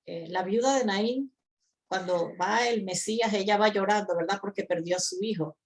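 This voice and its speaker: A woman's voice: mid-range voice, moderate pace. Earnest woman encouraging listeners. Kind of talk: Bible discussion.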